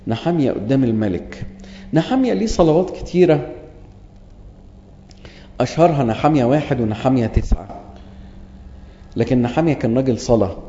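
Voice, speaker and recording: An earnest Egyptian preacher delivers a sermon in a deep, mellow voice, reading scripture and then explaining it in everyday speech. He repeats his main lines slowly for weight. The sound is dull and muffled, with a long echo from a large hall. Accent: Egyptian Arabic. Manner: earnest, reads scripture aloud and restates it plainly; repeats key phrases slowly for emphasis.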